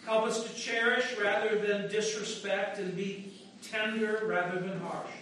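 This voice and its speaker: A pastor with a fairly high male voice intones prayers in a slow, solemn cadence. His words bloom into a huge cathedral echo, picked up by a mic set far from him. A faint hum of the room sits underneath. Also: flat delivery, a bit bright. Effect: large church echo. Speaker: pastor leading worship. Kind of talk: liturgical prayer and chant. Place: large church sanctuary. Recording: echoey church heard from afar.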